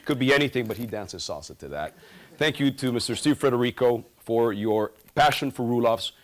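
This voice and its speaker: With a medium-pitched voice and a brisk delivery, this male student from Guatemala gestures animatedly while telling funny stories from a large auditorium stage.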